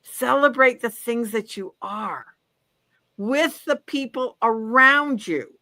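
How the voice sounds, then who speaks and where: A woman's voice: fairly high pitch, takes it slowly, bright, forceful tone. A woman in her seventies co-hosting a wellness talk show, upbeat and emphatic, often agreeing. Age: 70s. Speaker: co-host, wellness coach. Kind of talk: casual talk-show chat.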